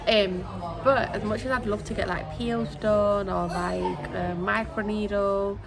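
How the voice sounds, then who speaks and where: Music plays in the background as a young UK woman vlogs from home, her phone camera held out at arm's length. She speaks unhurriedly in a steady, gravelly, medium-pitched voice, rambling to camera with frequent ums, and the audio sounds like a phone video.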